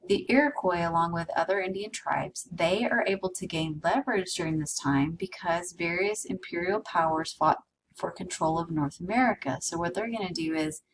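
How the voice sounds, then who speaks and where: Woman, history instructor, low-ish voice, chatty lecture, distant mic with faint hiss. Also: normal speed. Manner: conversational, explains with asides to students. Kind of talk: recorded lecture.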